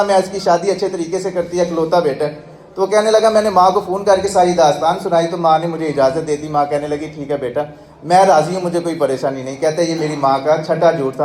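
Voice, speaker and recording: A man's voice: high-pitched, echoey room. A man giving a sermon, telling a moving story and acting out the quoted speech before drawing its lesson. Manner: tells a moving story with voiced quotes, then preaches. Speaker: religious speaker.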